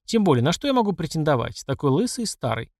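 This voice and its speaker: Brief: male narrator playing an ironic, unhurried old emperor in an audiobook, lively pitch. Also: no room sound, studio quality. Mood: amused calm. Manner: politely teasing, unhurried. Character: calm ironic aging male emperor, bald.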